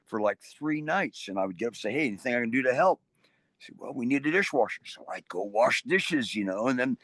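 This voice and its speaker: An older man, a guest in an interview, tells stories in a casual, rambling way, often restarting sentences and putting on animated voices in his anecdotes. His voice is mid-range and a little fast, with no echo.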